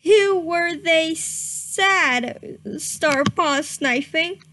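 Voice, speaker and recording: With a faint hiss or hum in the recording, a woman reads fan fiction very slowly in a very high-pitched, slightly bright voice, playing it for comic drama. She giggles often, breaks into helpless laughter, and stumbles over misspelled words she reads literally.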